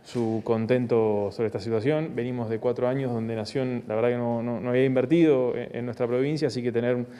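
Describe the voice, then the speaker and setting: Hesitant official, reverberant sound. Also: male voice, mid-range voice, fairly even intonation, warm tone, clear, resonant tone. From Argentina. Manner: hesitant, measured, official explaining. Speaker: provincial government official. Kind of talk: interview about public works.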